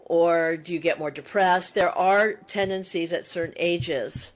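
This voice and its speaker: In relaxed podcast chat, a sixty-something female co-host thinks aloud in long, meandering sentences. She speaks on the low side at a measured pace, and the recording is rough.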